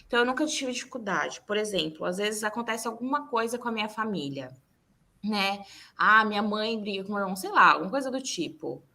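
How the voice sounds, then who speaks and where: A woman's voice: medium pitch, brisk. A Brazilian woman hosting a podcast in casual chat, telling candid stories and acting out what people said. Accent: Brazilian Portuguese. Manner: candid, animated storytelling with acted-out quotes. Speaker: podcast host.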